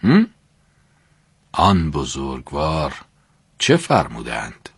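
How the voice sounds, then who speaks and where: A man voicing a devout male companion in a religious story, speaking earnestly and slowly. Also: very deep voice, huge pitch swings, vocal fry, husky, no room sound, clean studio sound, voice pushed down, exaggerated voice. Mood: solemn.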